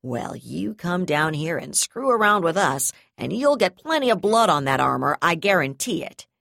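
A woman's voice: on the low side, animated, normal speed, a bit bright, no echo, studio quality. A woman reading an audiobook, voicing a brutal, cornered female gendarme brigadier who hurls profane threats. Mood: sneering, furious.

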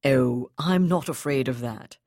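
A ruthless male military commander speaks with calm, measured contempt, voiced by a woman reading aloud. The voice is low and close, with a dry sound and no echo. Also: heavily acted. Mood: contemptuous.

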